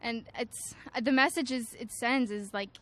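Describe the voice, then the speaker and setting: A teenage girl answers a street interview outdoors, earnest but hesitant and full of fillers. Her voice is a little high and a bit bright, at a measured pace.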